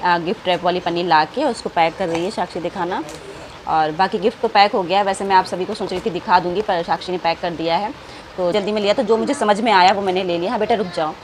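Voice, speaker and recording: A woman's voice: lowish voice, quick pace. An adult woman chatting affectionately to her viewers in a casual home vlog. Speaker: family vlogger. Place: family home indoors. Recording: noisy home background.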